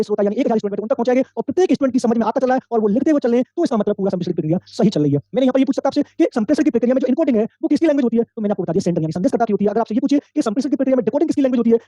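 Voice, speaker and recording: Male teacher, very high voice, rapid patter, repeats points, dull lo-fi mic. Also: dark tone, no room sound. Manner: explains step by step, repeats points, quizzes the class. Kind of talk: online exam-prep lecture. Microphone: microphone.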